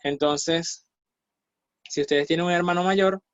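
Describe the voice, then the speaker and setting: A male teacher leads a beginner language lesson, drawing each sound out slowly and repeating it for students to copy. His voice sits a little high for a man. The recording is dry and slightly muffled. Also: steady tone, smooth, no room sound. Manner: patient, explains step by step, repeats sounds several times. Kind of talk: online class, slow repeated pronunciation drills.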